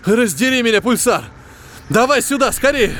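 A man's voice: mid-range voice, animated, moderate pace, a little hiss or hum, lightly acted. A man voicing a tense, commanding male spaceship pilot giving firm orders in a science fiction audiobook. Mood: urgent shouting.

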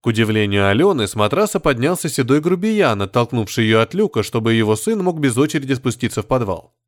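A man narrating a story in a steady, measured audiobook reading. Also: mid-range voice, no room sound, studio quality. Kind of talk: scripted narration.

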